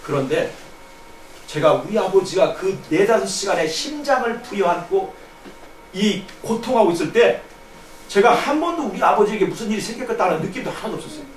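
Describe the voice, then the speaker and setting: Guy preaching his testimony, high voice, heard from afar in a big echoey church, faint hiss. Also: very animated, brisk, recorded from a distance. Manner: earnest storytelling, swinging from hushed to raised. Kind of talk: sermon testimony. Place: church hall. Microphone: distant room mic on a live stream.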